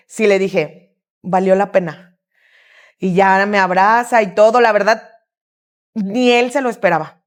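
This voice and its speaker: Woman, interview guest, chatty and animated, voices her own quotes. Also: mid-range voice. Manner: lively, quotes herself and her son. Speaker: guest, gymnastics coach and sports mom. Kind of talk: casual interview storytelling.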